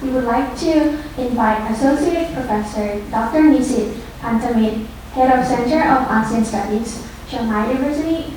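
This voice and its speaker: A woman's voice: on the high side, darkish tone. Echoey hesitant woman host. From Thailand. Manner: friendly, hesitant with many fillers. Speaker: host of a cultural class. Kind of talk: classroom hosting, casual. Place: large lecture room. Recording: very echoey room, distant mic, faint hiss.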